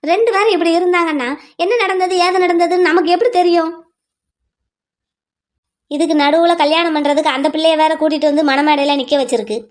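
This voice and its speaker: A woman voicing a middle-aged village sister-in-law in a cartoon drama who scolds and lectures in long exasperated runs. The voice is high and firm. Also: brisk, long pauses. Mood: scolding. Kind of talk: cartoon voice acting.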